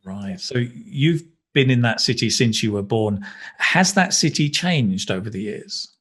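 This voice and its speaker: A man who is an English teacher. He interviews a student over a video call and then breaks down the language, praising it warmly and slowing down to stress key words. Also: mid-range voice, lively intonation, husky. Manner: upbeat, praising, explains slowly with emphasis.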